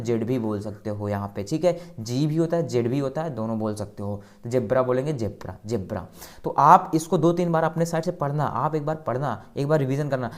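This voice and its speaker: Man drilling pronunciation, slow repetitions. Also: on the high side, darkish tone. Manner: repeats each word several times and keeps asking the class to answer; slow, deliberate words when modelling pronunciation. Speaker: spoken English teacher. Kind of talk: beginner language lesson, drilling pronunciation.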